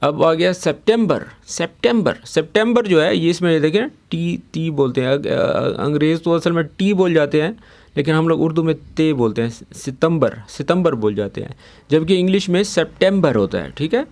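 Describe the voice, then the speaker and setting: A man's voice: fairly high pitch, lively intonation, normal speed, gravelly, a little mellow. A young man, teaching a casual language lesson and patiently repeating each word several times. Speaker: Arabic teacher.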